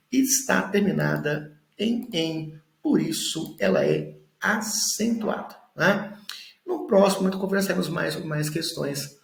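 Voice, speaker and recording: Gravelly-voiced man teaching in an echoey room. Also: a little high. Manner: explains step by step, tags lines with "né?". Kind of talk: exam-prep lesson.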